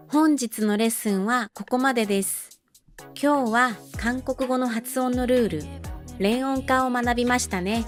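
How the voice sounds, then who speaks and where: A woman teaching Korean in a scripted podcast lesson, speaking slowly and carefully and repeating model phrases. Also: a little high. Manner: slow, careful model pronunciation with repetitions.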